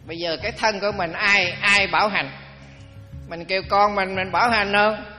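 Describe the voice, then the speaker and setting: A man's voice: sits high, steady tone, normal speed, sharp tone. An older male Buddhist monk, giving a dharma talk in a folksy, humorous storytelling way. His voice rings with long hall reverb and faint music behind.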